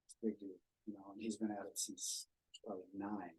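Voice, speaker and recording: A man presenting to a small faith gathering, reflective, quoting writers and pausing often. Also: fairly low pitch, level tone, a little mellow, husky, poor audio. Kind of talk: informal group talk.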